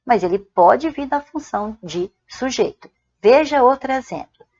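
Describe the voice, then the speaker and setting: With a fairly high, slightly mellow voice and lively intonation, a Brazilian woman teaches Portuguese grammar aloud. She draws out examples deliberately, word by word, often using "ó" and asking "certo?". The audio is dull.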